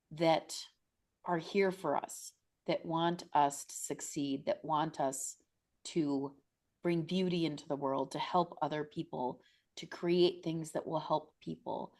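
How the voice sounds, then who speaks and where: Effusive woman host with a lowish voice. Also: darkish tone. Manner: effusive, stacks up questions. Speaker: podcast host. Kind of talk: casual interview conversation.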